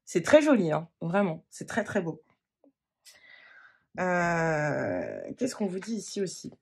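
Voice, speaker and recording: A tarot reader talking through a reading in a husky, slightly breathy voice. The delivery is gentle and halting, full of fillers and restarts, pitched in a middle range. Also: huge pitch swings. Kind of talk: spontaneous card-reading monologue.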